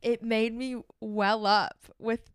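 A woman's voice: on the high side, flat delivery, takes it slowly, clear, resonant tone, no room sound, studio quality. A young woman hosting a casual podcast, telling rambling stories with lots of fillers and giggles. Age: young adult. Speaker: podcast host. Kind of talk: casual chat.

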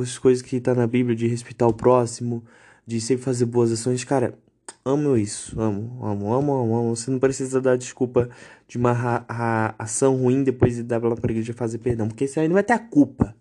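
A young man hosting a podcast, delivering an indignant, sarcastic, swear-filled rant with big pitch swings. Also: warm tone. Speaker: podcast host. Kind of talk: ranting podcast monologue.

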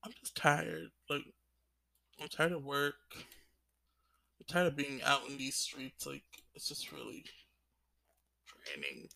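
Gravelly young man venting, rambling. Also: medium pitch, very animated, slow pace, long pauses, sharp tone, no echo. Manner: rambling, full of "like" fillers, sighing. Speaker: vlogger. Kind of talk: confessional vlog talk.

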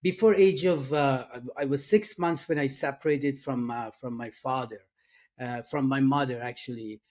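A middle-aged Persian-speaking man with an Iranian accent, speaking as an interview guest. He talks at an ordinary pitch for a man, soft-spoken and earnest. His sentences stop and restart, padded with fillers. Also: steady tone. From Iran. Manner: halting, many fillers and restarts. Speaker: guest, addiction and trauma coach. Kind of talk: casual interview.

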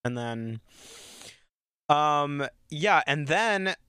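A man's voice: fairly high pitch, animated, very slow, pushed and bright, clean tone, dry recording, clean studio sound. A man co-hosting a podcast, recapping a show in a rambling casual chat full of fillers and laughs. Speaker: podcast co-host.

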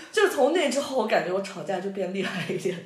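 A woman guest on a chat podcast, speaking earnestly and often agreeing with the hosts. Her middling pitch comes through with a roomy echo. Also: sing-song, fast talker. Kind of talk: casual chat.

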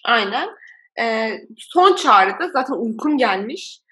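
A young woman chatting casually, telling a story about her old call center job in an animated way and laughing often. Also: a little high, slow. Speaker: former call center worker.

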